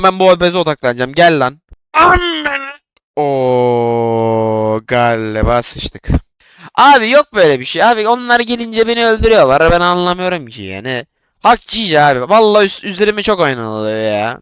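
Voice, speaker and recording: A young man commentating his own gameplay in a casual way, excitable and trash-talking, jumping from yelling to muttering. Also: mid-range voice, clear, resonant tone, no room sound, dull audio. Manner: excitable, yelling and trash-talking, quick swings from loud to mumbling. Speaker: gaming YouTuber.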